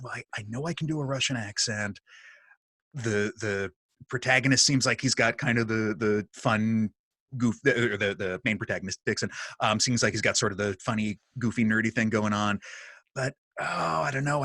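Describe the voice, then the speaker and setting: A man's voice: mid-range voice, pushed and bright, dry recording. A man who narrates audiobooks, talking casually on a video call, self-deprecating and full of restarts. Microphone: studio microphone.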